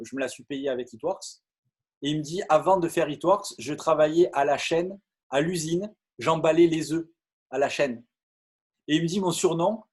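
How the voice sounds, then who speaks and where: A middle-aged man from France tells a story to an audience in a lively way, with stumbles, repeated words and many fillers. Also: fairly high pitch, slightly rough. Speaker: network marketing speaker. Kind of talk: animated storytelling talk to an audience.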